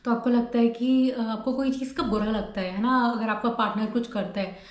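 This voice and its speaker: A woman's voice: on the high side, fairly even intonation, a little fast, reverberant. A woman hosting a self-help video, talking casually and mixing English into her Hindi, acting out short dialogues as examples. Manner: mixes English words into Hindi, acts out little dialogues. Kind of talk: casual advice talk.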